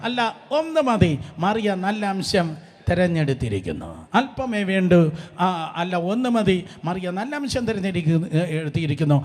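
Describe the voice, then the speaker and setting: A middle-aged preacher from Kerala with a high voice delivers an emphatic sermon. He leads his congregation in call-and-response and keeps mixing English words into his phrases. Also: sing-song, normal speed, a little mellow. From Kerala, India. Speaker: pastor.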